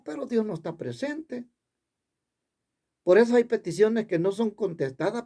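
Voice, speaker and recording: A man's voice: sits high, a little mellow. A man preaching a sermon, telling a personal story in an earnest way and repeating his phrases. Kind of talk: sermon testimony.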